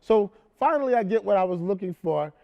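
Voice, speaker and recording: An actor performing a stage monologue, playing a man who retells a tense encounter in an animated, emphatic way and then turns into a brash, sarcastic talk show host. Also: sits high, a little fast, creaky, muffled recording. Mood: indignant storytelling. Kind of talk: theatrical monologue, stand-up-like storytelling.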